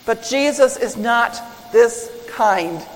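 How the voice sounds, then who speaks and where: A woman preaching a sermon, deliberate and measured, with emphatic swells on key phrases. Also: a little high, expressive. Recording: long reverb of a large hall.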